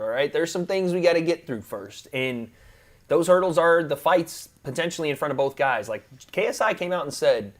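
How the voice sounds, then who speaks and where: A man co-hosting a casual sports debate podcast, animated and joking as he trades banter with his partner. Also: fairly high pitch. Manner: animated, joking, fast back-and-forth banter. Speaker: podcast co-host. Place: temporary room away from home.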